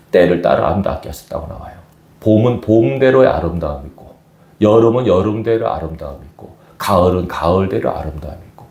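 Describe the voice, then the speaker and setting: A man's voice: deep voice, creaky, dark tone, reverberant. A man preaching a sermon as pastor to his congregation, often asking them questions. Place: church sanctuary.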